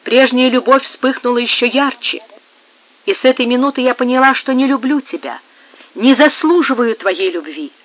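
A man's voice: very high-pitched, moderate pace. A man voicing a pleading young woman. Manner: pleading, emotional. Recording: narrow phone-like sound.

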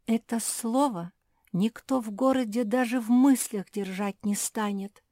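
Shrill, sobbing little liar creature, read by a woman, high-pitched and slow. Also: a little mellow, no echo, studio quality. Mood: tearful. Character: tearful timid female liar creature.

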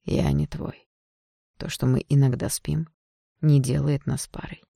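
A cold, arrogant young man in an audiobook, curt and slowly threatening, voiced by a woman reading. Deep, dark and gravelly, with a dry, close sound. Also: big pitch swings, no echo, heavily acted. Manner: curt, menacing, low and slow.

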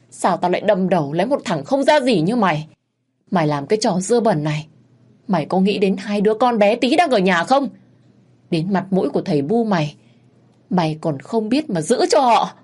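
A woman voicing a furious, sharp-tongued betrayed village wife who scolds and curses. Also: mid-range voice, animated, moderate pace, slightly rough, pitched above the performer's own voice. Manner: scolding, cursing, mocking.

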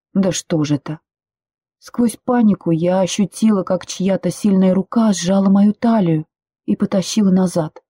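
A woman narrating a first-person audiobook in a steady, intimate storytelling way. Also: fairly low pitch, no echo.

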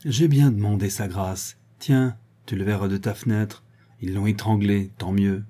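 A man's voice: fairly low pitch, fairly even intonation, measured pace, warm tone. A man playing a wounded, jealous young soldier who hurls bitter accusations and curses. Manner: accusing, cursing outbursts.

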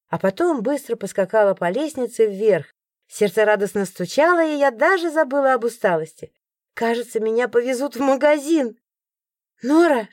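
Woman reading a story in first person, wry, bouncy lively pitch, dry close mic. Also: dry recording. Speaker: audiobook narrator. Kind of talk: first-person audiobook narration.

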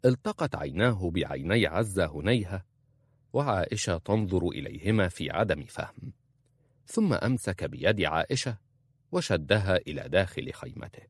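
Man, audiobook narrator, measured dramatic reading, very deep voice, dry close sound. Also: sing-song, no room sound.

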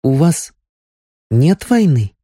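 A man's voice: a little high, big pitch swings, slow pace, warm tone, slightly rough, no room sound, studio quality, voice pushed up, exaggerated voice. A man voicing a teasing, lovestruck young village woman in a raised, girlish, pleading voice. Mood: earnest, teasing.

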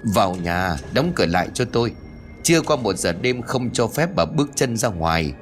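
A man's voice: fairly low pitch, animated, normal speed, lightly acted. A man voicing a stern elderly male village exorcist who speaks in grave, commanding tones.

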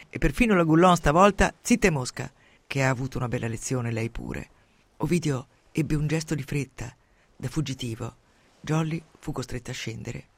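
A man reading a novel aloud in a dramatic, expressive way, sinking to hushed tones at tense moments, into a close studio microphone. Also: mid-range voice, dry recording. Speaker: reader. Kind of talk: dramatic audiobook narration.

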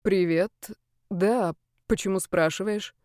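A woman's voice: medium pitch, steady tone, slow, a little mellow, dry recording, clean studio sound, natural voice. A woman reading an audiobook voices a tense, guilt-ridden young man who answers in a strained, clipped way.

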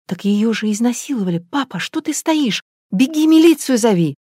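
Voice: mid-range voice, fairly even intonation, moderate pace, dark tone, dry recording, studio quality, pitched above the performer's own voice, lightly acted. A reader voicing an urgent, shocked young woman.

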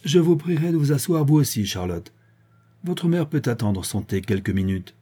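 A man's voice: mid-range voice, very animated, normal speed, warm tone, husky, voice pushed up. A man voicing a stern, angry elderly father who gives harsh, commanding orders and raises his voice.

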